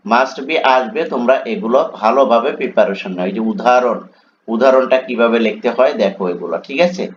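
A man coaching exam students, spelling out words letter by letter and checking often whether they follow. His voice sits at an ordinary middle pitch. The recording sounds dull and lo-fi, with a faint hiss of background noise. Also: a little fast. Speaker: teacher.

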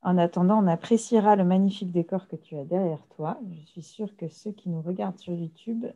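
A woman moderating an online conference over a video call, friendly and relaxed. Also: on the low side, fairly quick. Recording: dull lo-fi video call audio.

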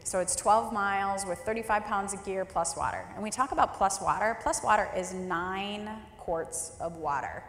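A woman in her thirties delivers a keynote, telling a personal story in a candid, wry and emphatic way. Her voice sits at an ordinary pitch. It carries through a large hall with a long, roomy reverb. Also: normal speed, few pauses, a bit bright, a little hiss or hum. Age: 30s. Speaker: keynote speaker. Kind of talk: storytelling speech. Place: large hall at a leadership forum.

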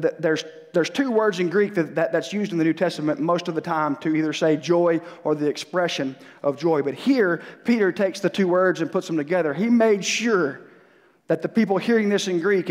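A fairly high-pitched man preaching in a church, his voice carrying a long reverb through the hall. He talks in an earnest, conversational way that keeps restarting and building up steam, and he sounds a bit stuffed up from a cold. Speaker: pastor. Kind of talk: sermon. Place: church sanctuary.

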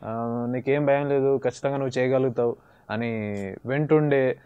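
A man's voice: medium pitch, fairly even intonation, moderate pace, clear, resonant tone, no echo. A male interview host who talks in an encouraging way and often gives brief affirmations. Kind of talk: interview hosting. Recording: dry, slightly dull lo-fi sound.

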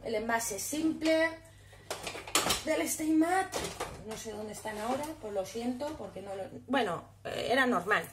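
High-voiced chatty Spanish woman showing makeup. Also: slight background noise. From Spain. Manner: chatty, often asks viewers to look. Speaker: beauty vlogger. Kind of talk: casual haul video.

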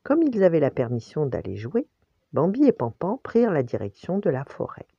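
An older woman, a grandmother, reading a bedtime story in a gentle, unhurried way. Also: sits low, wildly swooping pitch, vocal fry, husky, no room sound, muffled recording.

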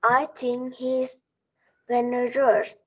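A pupil reading English phrases aloud slowly and carefully in an online class. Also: female voice, on the high side, monotone, a bit bright, breathy edge. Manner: slow, careful. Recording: dull lo-fi video call audio.

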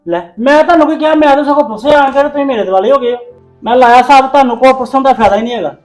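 A puzzled grown son, played by a man in a family web drama, pressing his mother with quick questions and mild exasperation. Faint music sits behind him. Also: very high-pitched, low-quality recording. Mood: questioning.

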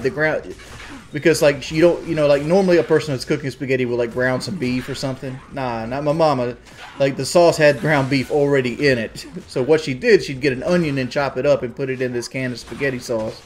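A man's voice: mid-range voice, slight background noise. A man with a Southern US accent chatting on a stream in a rambling, crude, defensive way. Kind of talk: casual stream chat.

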